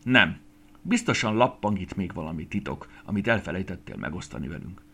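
Brief: male reader doing a haughty star queen, commanding, lowish voice with lively swings. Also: creaky, a little hiss or hum, exaggerated voice. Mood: stern. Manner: commanding, stern. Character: proud grand female evening star, hostess of the ball.

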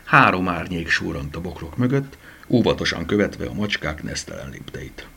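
A man reading a children's detective story aloud, expressive and giving each character a voice. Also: sits low, vocal fry, breathy edge. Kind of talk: audiobook narration for children.

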